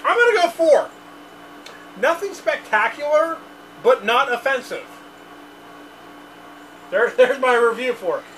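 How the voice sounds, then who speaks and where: A man in his thirties co-hosting a casual beer review, goofy and loud, blurting out jokes at a basement bar, picked up by a far camera. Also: very high-pitched, animated, a little slow, pauses often. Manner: goofy, blurts out lines and song bits. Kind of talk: casual chat. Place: dim basement bar, indoors. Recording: distant camera sound with faint noise.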